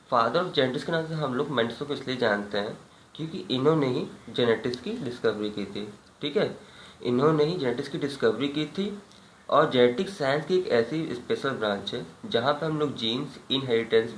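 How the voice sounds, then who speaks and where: Man lecturing in an echoey room. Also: mid-range voice. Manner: repeats key points as questions, frequent "ठीक है" check-ins. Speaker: biology teacher. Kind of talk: classroom lecture. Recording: echoey room, faint background hum.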